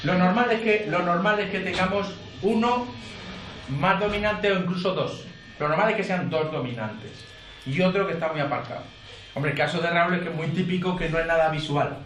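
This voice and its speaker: High-voiced lecturer in a roomy hall. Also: male voice, moderate pace, fairly bright tone, far from the mic, a little hiss or hum. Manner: explains with frequent tag questions to the group. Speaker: course instructor. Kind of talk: lecturing a live workshop. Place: lecture room in front of an audience. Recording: roomy amateur recording from afar.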